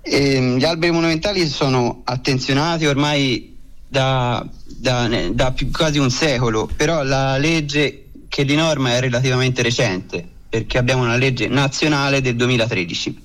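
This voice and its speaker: Man explaining calmly over a phone line. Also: mid-range voice, normal speed. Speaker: expert guest on a radio show. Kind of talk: calm informative explanation.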